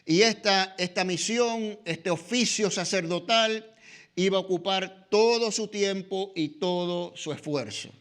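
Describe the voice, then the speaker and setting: Middle-aged man with a Latin American Spanish accent, church Bible class teacher, conversational, pitched high. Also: unhurried, fairly bright tone. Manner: conversational, frequent "¿verdad?" and "¿no?" tags, filler "eh".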